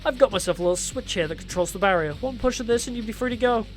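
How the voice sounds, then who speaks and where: A man's voice: high voice, fast, faint music behind, natural voice. A man voicing a taunting evil father and mastermind in a dramatic story, with a theatrical villain drawl.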